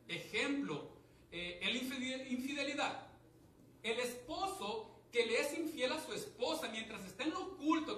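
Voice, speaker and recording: A man preaching a sermon with passion, asking the congregation questions and building to loud calls. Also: extremely high pitch. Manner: impassioned, rising to loud exhortation; asks the congregation rhetorical questions. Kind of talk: evangelical sermon. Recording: echoey hall, mic some distance off, faint background hiss.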